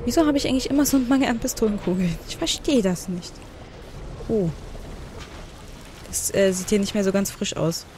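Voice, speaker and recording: A woman giving blind commentary on a video game, chatty, talking to the game and reading menu text out loud. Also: mid-range voice, a little fast, long pauses, background noise. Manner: thinks aloud and reads game menu text out. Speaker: let's player.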